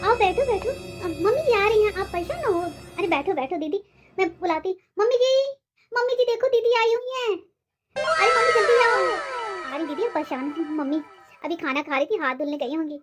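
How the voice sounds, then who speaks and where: A woman's voice: very high voice, animated, brisk. A woman playing a sly, sweet-talking young daughter-in-law who placates her mother-in-law in a comedy skit. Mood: sugary. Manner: sugary, placating. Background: background music.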